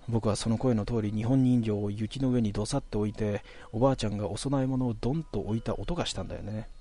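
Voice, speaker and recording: A man casually telling a ghost story in a relaxed, conversational way, stretching out some phrases. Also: lowish voice, quick pace.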